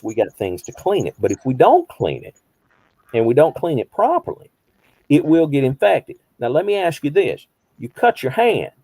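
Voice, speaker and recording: This man in his fifties, a behavioral health counselor, leads a small group in a relaxed teaching style, repeating key phrases and asking rhetorical questions. The recording is rough with no room sound, capturing his mid-range, dark-toned voice.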